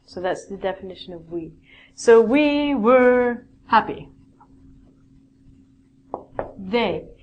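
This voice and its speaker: A woman's voice: a little high, expressive, slow pace, pauses often. A woman teaching a basic English grammar lesson, patiently explaining rules and reading out example sentences.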